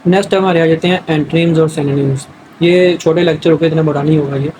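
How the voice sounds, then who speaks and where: A man's voice: fairly high pitch, fairly even intonation, slight background noise, low-quality recording. A man giving a test-prep grammar lecture, explaining step by step and mixing English words into his Urdu. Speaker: teacher.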